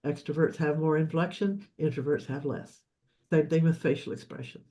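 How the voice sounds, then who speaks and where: This leadership coach speaks at normal speed with a steady tone in a fairly high, mellow voice, teaching a live session on leadership and communication. He explains loosely, repeats himself, and restarts his sentences often.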